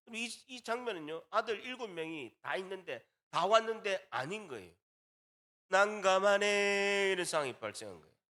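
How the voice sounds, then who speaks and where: Animated high-pitched Gyeongsang preacher. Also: male voice. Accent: Gyeongsang Korean. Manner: emphatic preaching, repeats key phrases, rhetorical questions. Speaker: pastor. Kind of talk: sermon.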